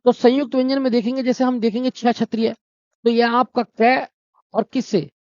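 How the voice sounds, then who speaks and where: A man with an extremely high-pitched, darkish voice speaks at normal speed in a steady tone, with no room sound. He is teaching a Hindi exam-prep lesson step by step, asking questions and answering them himself while calling his students brother and friends. The recording is dry, dull and lo-fi.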